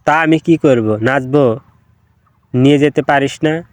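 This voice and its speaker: A man's voice: medium pitch, slow, dry recording, lightly acted. A man voicing a short-tempered young mother. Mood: irritable. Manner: sharp, irritable.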